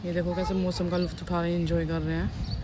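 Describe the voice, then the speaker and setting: A woman's voice: lowish voice, little pitch movement, quick pace, noisy background. A woman chatting casually to viewers and children at her village home while she films on a phone. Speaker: vlogger. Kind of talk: casual home vlog chat. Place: village house and rooftop, outdoors.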